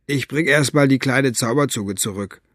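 A man's voice: medium pitch, normal speed, a bit bright, dry recording, studio quality, close to an everyday voice. A man voicing a coarse, smug male henchman who mocks and gloats. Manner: gloating, sneering, grunting.

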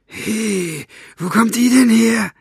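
A man reading aloud and voicing a brutal, bullying male henchman who barks contemptuous threats in a raised, higher voice. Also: fairly even intonation, a little fast, fairly bright tone, dry recording, studio quality. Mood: threatening.

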